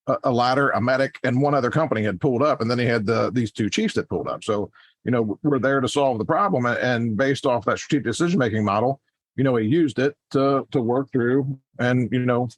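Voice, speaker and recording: Guy w average pitch explaining stuff casually, kinda halting, really dry sound no room. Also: no echo. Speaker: fire service podcast panelist.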